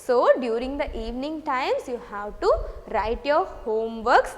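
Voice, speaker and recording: A woman with a South Indian Tamil accent teaches young children as a kindergarten teacher, in a sing-song, drawn-out way with frequent checking questions. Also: on the high side, lively intonation. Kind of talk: lesson for young children, code-switching. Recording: long hollow reverberant echo.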